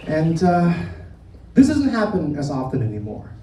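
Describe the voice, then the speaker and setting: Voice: mid-range voice, huge pitch swings, moderate pace, mellow. A comedian born in Vietnam doing a live stand-up set, teasing the crowd and talking straight to them. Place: comedy club stage. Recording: roomy live club from far off, audience noise.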